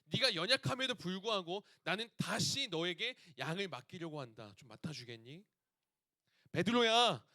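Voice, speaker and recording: A preacher voicing a gentle loving savior. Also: male voice, high-pitched, dry recording, exaggerated voice. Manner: soft, pleading, reassuring. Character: gentle, loving male savior speaking tenderly.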